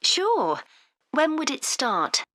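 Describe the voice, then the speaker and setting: A cheerful young mother after a receptionist job, with a bright, lively voice that rises and falls a lot. She asks practical questions in a friendly way. The sound is dry and close. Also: high voice, slow pace, dry recording, exaggerated voice. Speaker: job seeker. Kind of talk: scripted exam dialogue.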